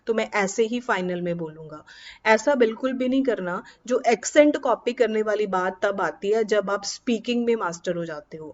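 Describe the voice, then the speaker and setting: A woman's voice: mid-range voice, muffled recording. A young woman teacher patiently explaining exam technique to her students in a tutorial. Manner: patient, instructive, addresses students directly.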